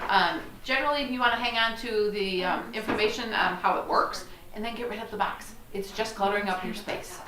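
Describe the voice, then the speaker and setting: A woman presenting unscripted organizing tips to camera, explaining step by step with hesitant pauses. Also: mid-range voice, background noise. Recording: roomy, distant mic, chatter behind.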